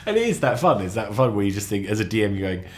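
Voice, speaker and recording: A man chatting as a podcast guest, lively and animated, often repeating and restarting his words. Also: rapid-fire, slight background noise. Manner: animated storyteller, acts out quotes with sudden high voices. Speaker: lecturer. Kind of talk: casual chat.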